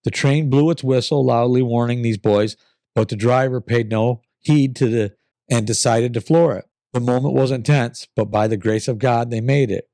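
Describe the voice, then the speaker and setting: A man hosting and reading listener-submitted stories casually and earnestly, his voice raspy as he gets over an illness. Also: medium pitch, normal speed, warm tone, dry recording. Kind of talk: casual storytelling, reading letters aloud.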